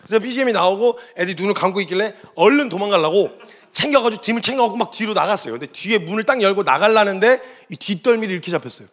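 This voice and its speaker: A man preaching as a missionary, telling a story with lively delivery and sudden shouted quotes. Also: high-pitched, racing. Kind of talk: sermon testimony.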